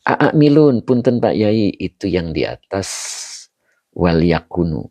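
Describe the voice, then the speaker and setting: A man teaching an online religious study session, explaining slowly and greeting participants over a video call. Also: deep voice, big pitch swings, dry recording, highs cut off. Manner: slow, explanatory, reads out chat greetings. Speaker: Islamic teacher.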